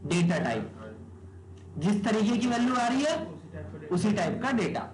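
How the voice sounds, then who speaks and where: A man's voice: high voice, big pitch swings, unhurried. A male programming teacher giving a live classroom lecture, quizzing students with rhetorical questions and often checking "okay?". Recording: echoey room with background noise.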